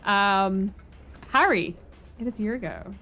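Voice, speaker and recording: A woman narrating a tabletop role-playing game in an informal, animated storytelling way. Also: medium pitch, takes it slowly, faint music behind. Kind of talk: casual improvised game narration.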